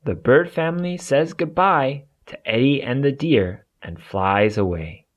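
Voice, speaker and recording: Reading from a children's storybook, a man narrates with lots of expression for a young audience. He speaks at medium pitch and a little slowly, and the recording sounds muffled.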